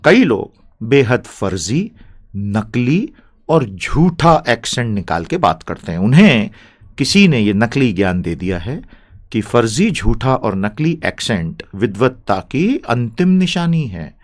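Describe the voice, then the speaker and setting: A man teaching an English lesson, drilling vocabulary slowly and adding emphatic, scolding asides. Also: medium pitch, very animated. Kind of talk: spoken language lesson.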